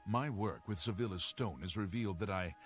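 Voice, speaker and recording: An actor playing a secretive, commanding master of thieves in a fantasy video game, speaking formally with authority. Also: male voice, fairly low pitch, fairly quick, a bit bright, faint music behind, close to an everyday voice.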